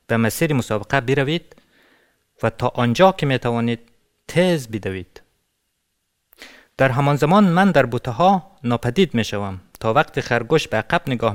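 A man's voice: medium pitch, close to an everyday voice. A man from Afghanistan voicing a small, clever female tortoise in a storybook tale, giving firm instructions.

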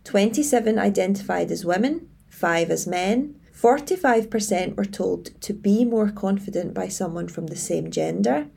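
Female coach presenting structured advice, measured and tidy, with a mellow tone and gravelly fry. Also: medium pitch. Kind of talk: scripted advice presentation to camera.

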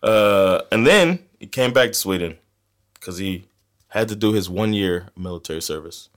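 A man's voice: deep voice, expressive, moderate pace. A man with an American accent, co-hosting a podcast and telling a story in casual, joking chat, laughing often. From United States. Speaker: podcast co-host.

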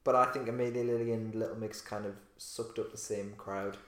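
A man's voice: on the low side, steady tone, a little fast. A man co-hosting a casual podcast chat, gossipy and opinionated, often laughing. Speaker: podcast co-host. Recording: echoey room.

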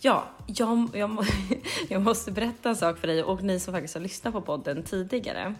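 A woman co-hosting a casual podcast, telling a lively story, quoting others in animated voices, laughing and swearing casually. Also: mid-range voice, music in the background. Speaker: podcast co-host.

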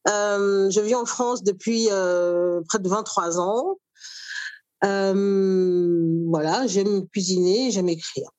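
A middle-aged woman from Cameroon, an author and cook, talking in an interview at a thoughtful pace with many pauses. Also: mid-range voice, a little mellow, dry recording. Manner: thoughtful, with frequent pauses and fillers. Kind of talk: conversational interview.

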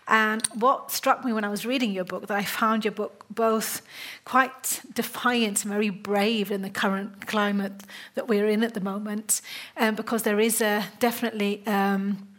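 A woman's voice: mid-range voice, fairly even intonation, moderate pace, few pauses, fairly bright tone. A woman interviewing an author at a book talk, speaking hesitantly with many fillers.

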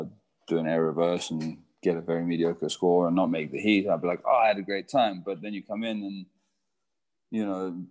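Young guy with a real low voice, chatty interview guest, lots of "you know"s. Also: darkish tone. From Zimbabwe. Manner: rambling, lots of fillers. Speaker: guest, surfer. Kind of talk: casual interview talk.

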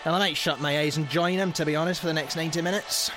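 A man's voice: on the high side, fairly even intonation, very fast, music in the background, lightly acted. A man playing a sardonic football sporting director in a comedy audio drama, teasing his boss and calling him pal.

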